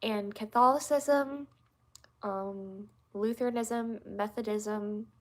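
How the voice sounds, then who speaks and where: A young woman, mildly congested due to allergies, talks about faith on her livestream in a medium-pitched voice with a steady tone and slow pace. She replies to viewers casually and sincerely, though she rambles, restarting often and leaning on fillers.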